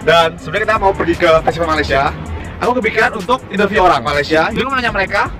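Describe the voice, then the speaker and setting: A man's voice: sits high, lively intonation, rapid-fire. A man from Indonesia doing a casual street interview at an outdoor festival, eager and questioning. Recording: crowd and music around.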